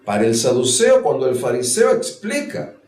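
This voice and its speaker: Un hombre que da una charla de historia a un grupo y dramatiza diálogos al contar. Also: male voice, medium pitch, normal speed. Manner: animated storytelling, acting out dialogues. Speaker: history lecturer. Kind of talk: lecture to a group. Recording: roomy echo.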